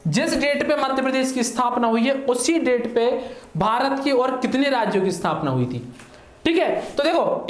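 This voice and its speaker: A male teacher, giving an online exam-prep lesson in a chatty way and often checking in with his listeners. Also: extremely high pitch. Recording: echoey room.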